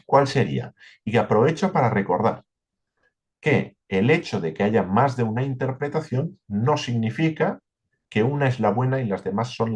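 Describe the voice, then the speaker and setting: A man's voice: on the low side, a little mellow, husky. A man with a Spain Spanish accent teaching a verse-by-verse Bible study, explaining step by step and answering his own questions.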